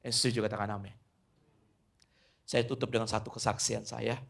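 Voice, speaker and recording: A middle-aged man preaching a sermon as pastor, swinging between loud emphatic lines and quiet asides, often calling the listeners "saudara". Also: fairly low pitch, flat delivery, fairly quick, gravelly.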